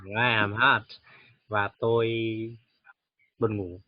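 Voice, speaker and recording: A man teaching English to a child, patient and coaxing, slowly repeating words to model how they sound. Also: lowish voice, steady tone, slightly rough, dry recording. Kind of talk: one-on-one English lesson for a child. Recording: dull, dry lo-fi recording.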